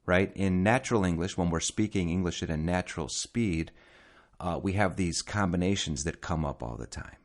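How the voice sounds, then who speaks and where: A man's voice: low-pitched, moderate pace. A man hosting an English-learning podcast, teaching and repeating short phrases for listeners to imitate. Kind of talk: podcast English lesson with drills.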